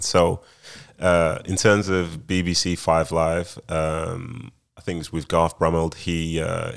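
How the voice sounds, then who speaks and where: A man's voice: sits low, gravelly. A young man, a retired footballer now in broadcasting, answering interview questions in a laid-back, rambling way.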